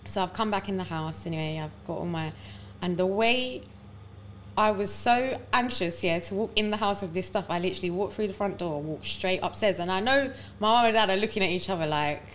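A young woman of middle pitch chats candidly on a podcast and reacts quickly to her friend. A faint noise hums behind her voice. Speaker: podcast co-host. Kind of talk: casual chat.

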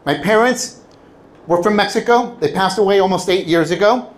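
Speaking at a normal speed in a high-pitched voice, a public speaker delivers a personal motivational talk to an audience. He is a middle-aged native Spanish speaker from Southern California whose animated storytelling includes acting out quoted lines.

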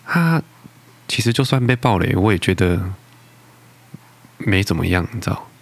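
A man's voice: sits low, animated, normal speed, creaky. A man with a Taiwanese accent in casual chat, giving laid-back, short, noncommittal replies.

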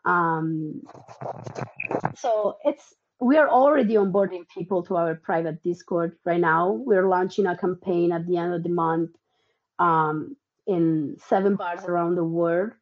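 With a voice on the low side and a measured pace, this woman, who has Argentine and Italian roots and grew up in Italy, is a podcast guest in a casual interview chat. She speaks hesitantly, often saying um and restarting, over dull lo-fi sound.

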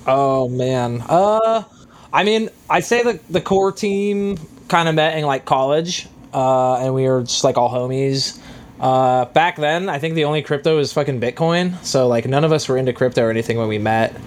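A man guesting on a podcast, excitable in casual chat and swearing freely. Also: mid-range voice, normal speed.

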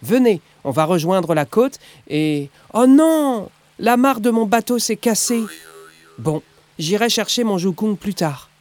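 A man's voice: sits high, lively intonation, a little slow, a little mellow, voice pushed up. A man voicing a friendly young Balinese fisherwoman who guides the family in a children's storybook. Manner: friendly, explaining.

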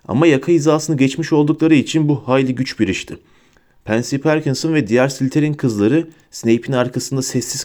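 A man reads an audiobook aloud in a measured, expressive storytelling voice. His tone is mellow and dark. He pays close attention to each sentence. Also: medium pitch. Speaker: audiobook narrator. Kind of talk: scripted audiobook narration.

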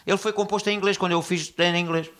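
A man with a European Portuguese accent, a band member chatting casually in an interview and explaining things in an animated way. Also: high voice, racing.

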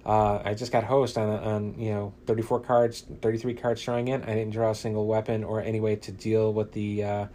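A man's voice: lowish voice, level tone, warm tone, slight background noise. A man playing a card game alone, reading card text dramatically and chatting casually about his play. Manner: casual, halting with fillers, reads flavor text dramatically. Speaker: solo card game player.

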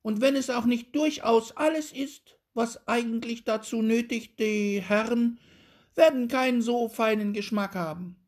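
A man voicing a high gentle goose lady. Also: measured pace. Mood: advising. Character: clever female goose, gentle and helpful.

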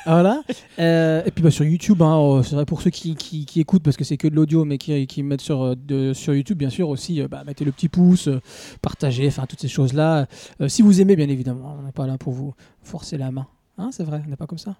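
A man hosts a casual podcast, recorded live in a café. His voice sits high yet sounds very mellow and dark. He jokes freely and stumbles over fillers. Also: a little fast, no room sound. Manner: joking, with many hesitant fillers. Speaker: podcast host.

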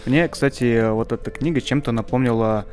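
A man hosts a podcast of casual book chat, often searching for his words. His voice is medium in pitch and darkish in tone, at a moderate pace.

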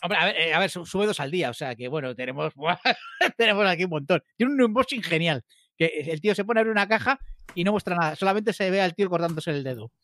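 A man from co-hosting a casual reaction chat, joking in quick banter. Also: sits high, lively intonation, fairly bright tone, no room sound. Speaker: co-host.

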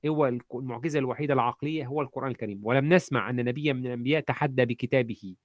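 A man's voice: mid-range voice, steady tone, racing, no echo, lo-fi sound. A male teacher with an Egyptian accent, quizzing students in an online lesson and repeating key phrases. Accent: Egyptian Arabic.

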